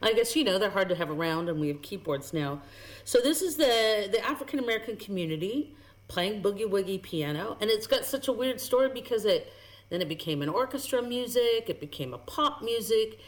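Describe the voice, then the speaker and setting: A woman guest on a radio show, lively and explanatory as she talks through music, chuckling now and then. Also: mid-range voice, brisk. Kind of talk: radio chat. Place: radio studio.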